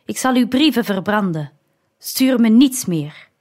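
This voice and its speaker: A woman's voice: fairly high pitch, lively intonation, measured pace. Een vrouw die in een luisterboek een bittere, woedende jonge man speelt die zijn vader uitschreeuwt. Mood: cold fury. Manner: shouting, harsh. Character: young man, bitter, furious, cold.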